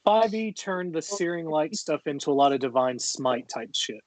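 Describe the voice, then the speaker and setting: A man explaining game rules in a relaxed way. His voice is a touch high and recorded dry and close. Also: normal speed, no room sound. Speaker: tabletop player. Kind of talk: casual explaining.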